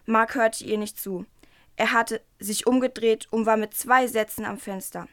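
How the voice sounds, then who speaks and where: A woman's voice: on the high side, steady tone, normal speed, no room sound, clean studio sound. A woman presenting a book and reading a passage from it aloud, in an earnest, careful way with small stumbles.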